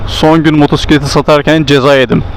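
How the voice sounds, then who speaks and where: A man's voice: on the high side, level tone, fast, poor audio. A man chatting casually and slangily to viewers from inside a motorcycle helmet as he rides. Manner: slangy, swearing. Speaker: motovlogger. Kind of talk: casual chat to viewers while riding a motorcycle. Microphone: helmet mic. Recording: clear engine and road noise.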